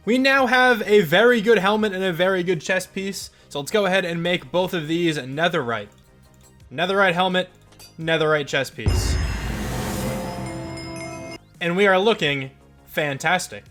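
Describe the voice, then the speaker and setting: A young man with a fairly high voice talks through his gameplay in a loose, rambling way, full of likes and ums. He sounds stuffed up and congested. Faint music plays underneath. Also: normal speed, long pauses, fairly bright tone. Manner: chatty, rambling, lots of fillers. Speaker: gaming channel host. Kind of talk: casual let's play commentary.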